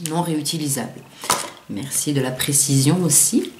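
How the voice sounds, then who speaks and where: A woman's voice: low voice, moderate pace, a little mellow. A woman vlogger casually reviewing a beauty subscription box, chatty and hesitant, with many fillers and restarts, often reading product descriptions aloud. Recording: echoey room with faint noise.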